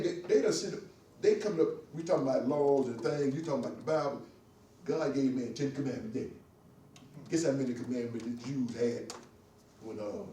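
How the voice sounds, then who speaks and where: Older guy preaching hard in a church class, kinda high voice but dark sounding, echoey room, mic far off. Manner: fiery, preaching, gets excited. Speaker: church class participant and veteran. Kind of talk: impassioned discussion. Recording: echoey room from afar, faint hiss.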